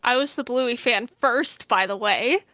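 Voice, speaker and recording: Bright, high-voiced young woman podcaster. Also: a little slow. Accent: slight Southern US. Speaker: podcast co-host. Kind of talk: casual podcast chat.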